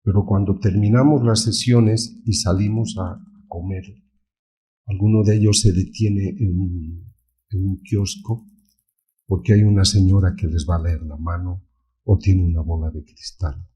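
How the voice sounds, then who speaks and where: Guy giving a faith-and-science lecture, low dark voice, kind of husky. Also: fairly even intonation, measured pace. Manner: earnest, preacherly, rhetorical questions. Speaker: symposium speaker. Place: conference hall.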